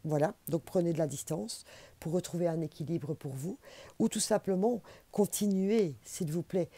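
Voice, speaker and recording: A woman's voice: lowish voice, moderate pace, mellow, breathy edge, dry recording. A woman with a Belgian French accent, giving a chatty, encouraging oracle card reading to camera and repeating herself for emphasis. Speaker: intuitive oracle card reader.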